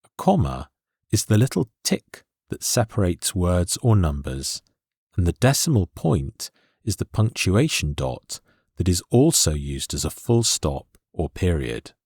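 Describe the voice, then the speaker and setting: A man teaching an English lesson, explaining grammar in a slow, clear and deliberate way. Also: low voice, big pitch swings, darkish tone, no room sound, clean studio sound. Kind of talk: scripted lesson narration.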